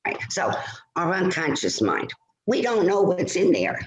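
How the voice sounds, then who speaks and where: A man presenting a stress-management talk on a video call, lively and conversational, often checking in with "all right?". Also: high-pitched, normal speed, a little hiss or hum. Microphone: computer mic on a video call. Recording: roomy video call audio.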